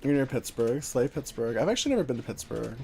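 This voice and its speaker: An American man chatting casually as a livestream host while gaming, with an animated, conversational manner. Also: mid-range voice, fast talker, vocal fry, slight background noise. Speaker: live streamer host.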